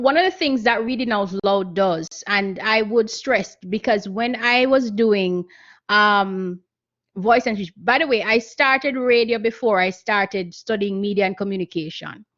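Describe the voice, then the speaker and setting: A woman's voice: medium pitch, fairly bright tone. A woman giving an earnest, instructive seminar talk on public speaking and voice training over a video call, often repeating her key points. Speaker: guest speaker. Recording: muffled video-call audio.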